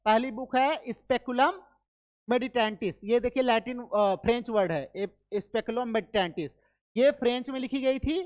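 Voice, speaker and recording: An Indian woman teaching literature for exams, mixing Hindi with English terms and drilling facts through repetition and quick quiz questions. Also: a little high, darkish tone. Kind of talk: online exam-prep lecture.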